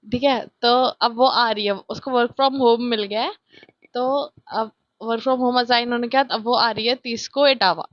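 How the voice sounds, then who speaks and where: A young woman from India with a childlike voice, chatting loudly and excitably through a casual vlog, filmed on a phone on a tripod. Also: on the high side, dry recording, highs cut off. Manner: chatty, self-mocking, loud and excitable. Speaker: vlogger.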